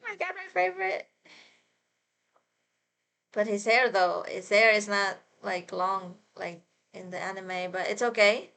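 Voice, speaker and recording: A woman vlogger telling personal stories as a fan in an expressive, casual, rambling way. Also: medium pitch, measured pace, creaky, few pauses. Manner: expressive, informal storytelling.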